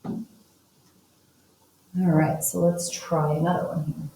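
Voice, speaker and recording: Speaking slowly in a low, mellow, level voice, a woman teacher talks through a math problem step by step while writing and using a calculator. The recorded lesson carries room echo, and her voice is a bit distant from the mic.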